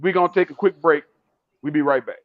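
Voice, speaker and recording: A man with a fairly high voice co-hosts a relaxed chat show, telling family stories and laughing a lot. The sound is dry and close, a little dull and lo-fi. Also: fast, dry recording. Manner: storytelling, laughs often. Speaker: co-host. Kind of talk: casual chat.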